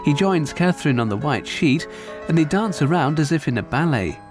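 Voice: mid-range voice, lively intonation, fairly quick. Scripted audio description narrator, music behind.

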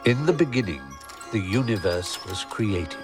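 An actor as an erudite guide narrator, reading scripted comic narration in a dry, articulate way. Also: male voice, on the low side, expressive, unhurried, far from the mic, over music. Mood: dryly amused.

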